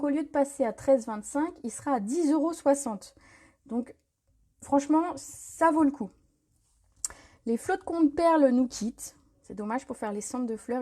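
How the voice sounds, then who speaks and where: A woman's voice: fairly high pitch, dark tone. A woman hosting a live stream to sell craft products, talking casually with many hesitations and repeated words. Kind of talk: casual live sales chat.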